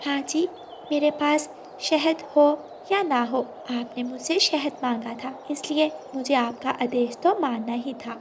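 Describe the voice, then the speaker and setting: Young sparrow bride voiced by a woman, bright high pitch, polite and obedient, slight hiss. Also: measured pace. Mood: eager. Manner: polite, eager. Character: dutiful young sparrow daughter-in-law, eager and obedient. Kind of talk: storybook cartoon voice acting.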